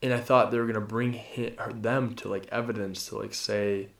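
A man's voice: fairly low pitch, steady tone, normal speed, creaky, fairly bright tone. A man co-hosting a casual podcast about a movie, rambling, swearing casually and trailing off mid-sentence. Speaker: podcast co-host. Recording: roomy echo.

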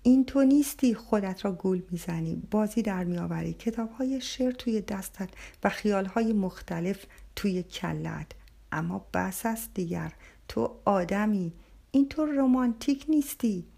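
An upset middle-aged husband pleads and argues with rising urgency, as a woman reader puts him on. The voice stays husky and gravelly. It is an audiobook figure. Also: mid-range voice, animated, a little mellow. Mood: angry.

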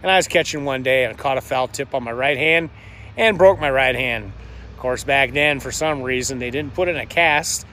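A man in his fifties with a medium-pitched voice tells a story to the camera he holds himself, rambling and chatty with plenty of fillers and restarts. He is recording outdoors, and faint traffic and construction noise sit underneath his voice. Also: moderate pace, bright, forceful tone. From Georgia, US. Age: 50s. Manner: rambling, chatty, with frequent fillers and self-corrections. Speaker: vlogger. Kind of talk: casual first-person storytelling to camera. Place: outdoors in front of his house, near construction. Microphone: handheld camera held by the speaker.

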